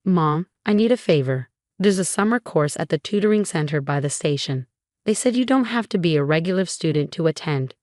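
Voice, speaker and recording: A woman's voice: low-pitched, animated, a little fast, a little mellow, no echo, studio quality. Earnest pleading teenage boy, read by a woman.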